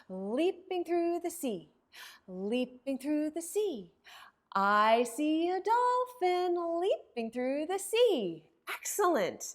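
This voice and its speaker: Leading story time for young kids, a librarian speaks in a high-pitched, expressive, sing-song voice. She asks questions and waits for the children to answer.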